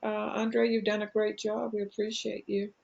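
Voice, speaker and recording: A woman speaks with heavy vocal fry and little pitch movement. She talks casually as an organizer on a group call. The audio is slightly muffled. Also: little pitch movement, moderate pace, a little mellow. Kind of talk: casual talk closing an online meeting.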